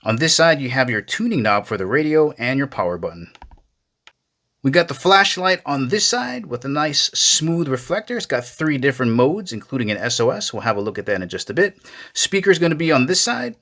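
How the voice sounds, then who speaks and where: A male video host narrates a casual, hands-on gadget review in a bright, forward voice, speaking fairly quickly and very animatedly. His pitch rises and falls a great deal, and he keeps his wording folksy, addressing the viewer directly.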